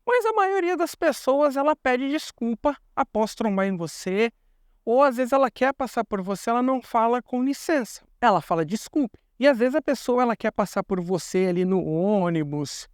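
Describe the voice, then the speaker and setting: Smooth-voiced Brazilian man vlogging. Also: extremely high pitch, expressive, moderate pace, no echo, clean studio sound. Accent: Brazilian Portuguese. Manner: chatty, repeats words for emphasis. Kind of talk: casual explanatory vlog.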